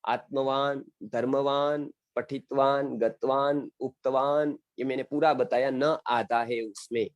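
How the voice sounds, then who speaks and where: On dull, echo-free audio, a middle-aged Indian man speaks in a steady, mid-range voice. He teaches Sanskrit grammar in Hindi during an online video-call class, deliberately and slowly reciting example sentences, patiently repeating phrases, and often making sure students understand.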